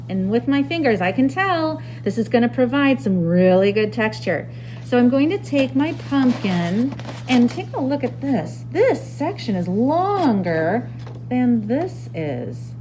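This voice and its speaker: A woman art teacher giving young children a craft lesson in a bright, upbeat kids' presenter manner, explaining step by step and checking in with simple questions. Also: a little high, slight background noise. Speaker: elementary school art teacher. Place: indoors in school stairwell and hallway.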